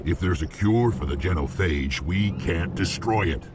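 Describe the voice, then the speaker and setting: Deep, rumbling alien warrior. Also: male voice, expressive, moderate pace, very noisy. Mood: angry, pleading. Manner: blunt, brooding. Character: angry, gruff alien krogan warrior, loyal but wary. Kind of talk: dramatic video game acting.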